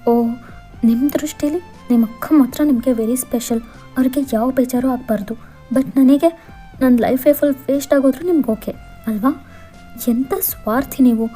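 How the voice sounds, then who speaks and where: A woman's voice: high voice, normal speed, dark tone, faint music behind, voice pushed up, close to an everyday voice. A woman voicing a stubborn young bride who argues back with emphatic, indignant force. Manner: pleading then defiant, emphatic.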